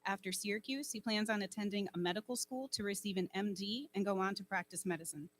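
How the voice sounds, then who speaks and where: A woman's voice: mid-range voice, fast talker, a little hiss or hum. A woman advisor reading student officer bios formally from a lectern microphone at a school ceremony. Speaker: honor society advisor. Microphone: speaking at a lectern microphone.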